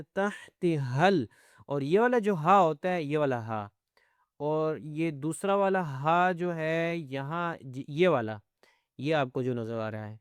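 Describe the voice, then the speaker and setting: A man teaching Quran recitation step by step, explaining each letter and then chanting verses slowly. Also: fairly high pitch, smooth, dry recording.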